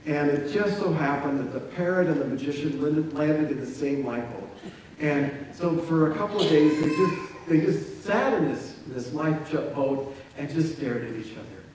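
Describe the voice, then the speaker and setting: Folksy pastor in an echoey church. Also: male voice, on the high side, a little mellow, far from the mic, a little hiss or hum. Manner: folksy, halting, self-deprecating. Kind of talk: sermon with a told joke. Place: church sanctuary. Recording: echoey church recorded from afar.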